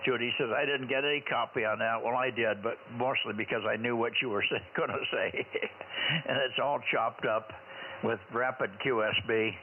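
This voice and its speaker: A man's voice: medium pitch, fairly even intonation, moderate pace. A man running an amateur radio net, chatting in a casual, folksy way between callsigns over a radio transmission. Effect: ham radio transmission. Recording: narrow radio band with faint noise.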